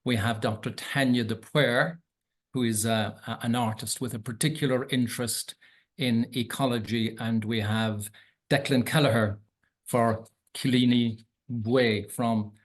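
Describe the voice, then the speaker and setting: An Irish man hosting a bilingual webinar over a video call, measured and earnest, with occasional ums. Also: medium pitch, fairly even intonation. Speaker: webinar host.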